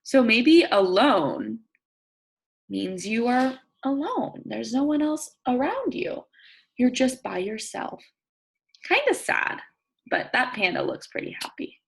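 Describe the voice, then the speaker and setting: Reading a nonfiction book as a teacher for young children would, a woman speaks expressively and deliberately. She keeps prompting listeners with questions and thinking aloud simply, in a fairly high voice that is gravelly and slightly rough.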